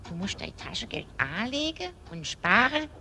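A woman's voice: mid-range voice, very animated, moderate pace, sharp tone, slight background noise. A woman playing a kindly but firm old country grandmother in a cartoon, with a Swabian accent. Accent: Swabian German. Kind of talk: animated film dialogue.

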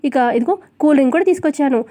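A woman's voice: high voice, very fast, warm tone, close to an everyday voice. A woman voicing a spoiled, sly young daughter who whines. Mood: whiny. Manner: whiny.

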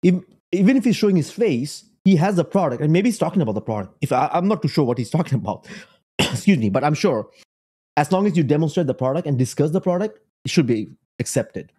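A young man with a mellow, husky voice comments casually on what he shows on his screen. His pitch climbs and dips a lot as he jokes and exclaims. He often cuts in on himself before carrying on. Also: quick pace. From Bengali. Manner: animated, joking, exclaiming. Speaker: online business creator.

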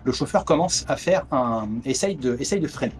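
A man's voice: mid-range voice, animated, moderate pace, a little hiss or hum. A man narrating a tabletop horror game as game master over a video call, with many hesitant fillers. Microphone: headset on a video call.

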